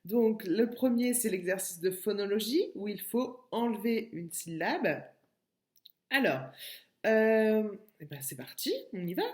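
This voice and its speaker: A woman teacher giving a remote lesson to young children from a room at home, slow and patient, repeating each word and syllable. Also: medium pitch, lively intonation, a little mellow, roomy sound. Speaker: kindergarten teacher.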